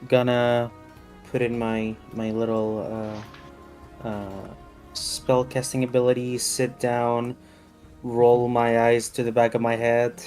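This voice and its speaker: A man with a mid-pitched voice talks very slowly and haltingly as a tabletop player. Faint music plays behind him. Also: flat delivery, a little mellow. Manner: hesitant, halting. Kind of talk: casual chat.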